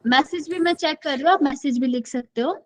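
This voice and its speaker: A woman's voice: sits high, fairly quick, rough recording. A woman teaching an online class, calling on students by name and mixing Hindi with English words. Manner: quizzes students by name, switches often between Hindi and English.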